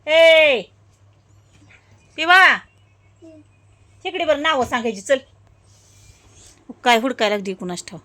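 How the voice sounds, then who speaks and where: A woman's voice: on the high side, lively intonation, a little fast, long pauses, a bit bright. A young woman, coaxing a small child on camera, repeating her prompts again and again. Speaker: mother filming her child. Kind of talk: casual home video chat.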